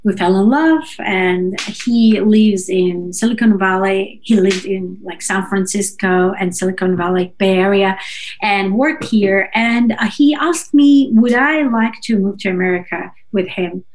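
In a casual interview, a woman singer-songwriter with Russian and Georgian as her first languages speaks in a mid-range voice, halting as she looks for words and tagging on "right?". Slight background noise is audible.

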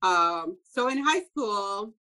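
A young woman from Ethiopia, a fashion designer, giving a relaxed interview with frequent soft laughs and filler words. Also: mid-range voice, slow pace, poor audio. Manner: soft-spoken, laughs often, many fillers. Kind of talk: casual interview answers.

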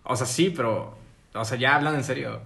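A man's voice: mid-range voice, brisk, gravelly, bright, forceful tone. A man with a Mexican accent co-hosting a casual podcast, teasing and sarcastic, with plenty of profanity. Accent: Mexican Spanish. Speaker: podcast co-host. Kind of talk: casual chat.

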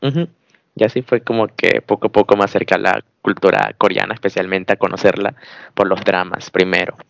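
Young Ecuadorian guy, low voice, dry close sound, laid-back interviewee. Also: brisk, gravelly, no echo. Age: 20s. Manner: relaxed, agreeable, many short "ujú" acknowledgements. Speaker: guest. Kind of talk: casual interview answers.

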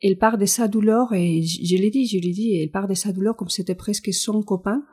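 A woman's voice: medium pitch, fairly quick, mellow, breathy edge. A woman with a Spanish accent, a physiotherapist explaining her work in an interview with frequent fillers and restarts. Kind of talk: interview answers.

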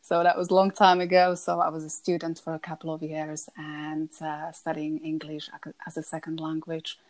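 A woman in her thirties with a Slovak accent speaks as a podcast guest. Her voice sits low and stays quite flat in pitch. She is soft-spoken and pauses often to find her words. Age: 30s. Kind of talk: conversational interview.

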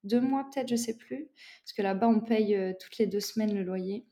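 A young French woman chats through her story with a mellow, relaxed tone. She rambles a little, restarting sentences and filling pauses as she goes. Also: mid-range voice. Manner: rambling, many fillers and restarts. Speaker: guest. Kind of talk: casual conversational interview.

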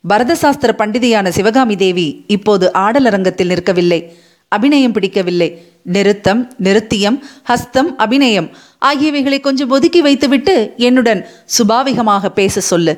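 A woman's voice: mid-range voice, animated, moderate pace, lightly acted. A woman voicing a bold young male crown prince, who speaks in a mocking way that turns tender, in an audiobook. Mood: teasing, earnest. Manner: mocking, then tender and pleading. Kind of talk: audiobook character voice.

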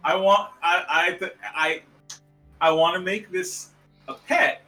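A man's voice: high-pitched, fairly even intonation, takes it slowly, sharp tone, soft background music. A man playing a tabletop game, talking in an enthusiastic, joking way with stumbling restarts. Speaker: player. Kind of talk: casual tabletop game chat.

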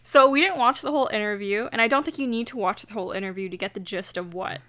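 A woman's voice: medium pitch, fast, bright, forceful tone. A woman co-hosting a casual podcast, hesitant with many fillers and frequent giggles. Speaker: podcast co-host. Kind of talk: casual chat.

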